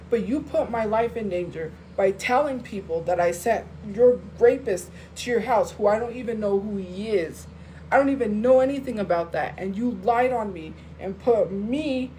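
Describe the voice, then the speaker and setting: A woman's voice: on the high side, mellow, slight background noise, poor audio. A woman on a phone live stream, venting and defending herself to her viewers in a casual, heated way.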